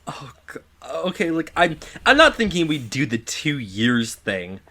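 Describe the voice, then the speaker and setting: Excitable, jokey man co-hosting a podcast. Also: on the high side. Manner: excitable, jokey, quick asides. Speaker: podcast co-host. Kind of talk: casual history podcast chat.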